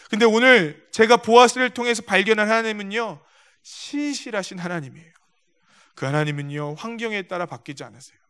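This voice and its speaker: A man's voice: high voice, pushed and bright, clear, resonant tone. A male pastor preaching a sermon in a church, telling stories, acting out quotes and speaking directly to the congregation. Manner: storytelling with acted-out quotes. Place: church sanctuary.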